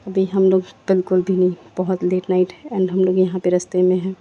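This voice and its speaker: A woman voicing a teasing, sensible young bride in a told story, gently scolding. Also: fairly low pitch, monotone, brisk, breathy edge. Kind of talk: storytelling with voiced dialogue. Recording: dull lo-fi, faint noise.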